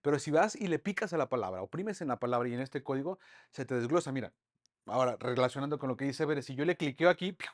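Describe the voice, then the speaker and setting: A man teaching an online Bible study lesson, lively and full of rhetorical questions to the group. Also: mid-range voice, quick pace.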